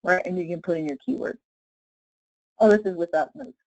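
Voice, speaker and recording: A woman trainer runs a casual live software tutorial, walking through each step informally and often pausing to check in with questions. Her voice is fairly low and brisk, and the recording sounds dry and muffled.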